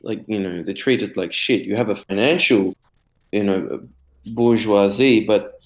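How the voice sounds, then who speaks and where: A man on a podcast call whose audio keeps cutting out and glitching, speaking in a halting way with many fillers. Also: fairly low pitch, reverberant, poor audio. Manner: halting, with frequent "you know" fillers. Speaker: podcast co-host. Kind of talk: casual political chat over an online call.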